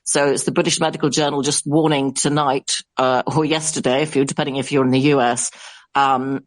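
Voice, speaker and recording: A man on a discussion panel, calmly passing on a news report. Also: fairly high pitch.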